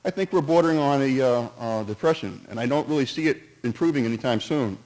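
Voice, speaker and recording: In the hall of a town meeting, a man stands to give public comment as a resident. Halting and earnest, he restarts, skips between points and cautiously hedges with "in my opinion," his voice medium in pitch, expressive and slightly mellow over poor audio.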